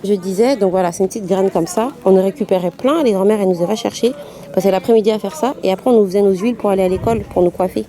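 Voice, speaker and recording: A woman's voice: mid-range voice, racing, mellow. A woman vlogging casually on holiday, explaining things in a chatty way while filming with a handheld camera outdoors. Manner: chatty, explains while walking, laughs often. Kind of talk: casual travel vlog.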